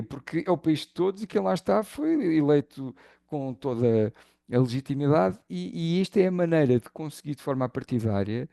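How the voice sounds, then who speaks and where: A man with a Lisbon Portuguese accent talks reflectively as an interview guest, circling his thoughts and filling pauses as he goes. His voice is gravelly with fry and a darker, mellow tone. The sound is dry, with no room echo. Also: fairly high pitch. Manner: thoughtful, searching for words with many fillers.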